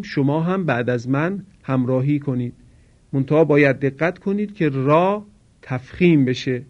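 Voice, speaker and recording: A man teaching Quran recitation in a formal broadcast lesson. He explains each rule slowly, carefully and politely, and repeats it. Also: fairly high pitch, darkish tone, dull audio.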